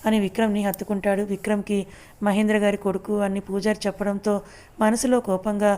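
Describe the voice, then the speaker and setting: A woman narrating a serialized story aloud, reading the characters' lines as part of her steady narration. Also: mid-range voice, brisk.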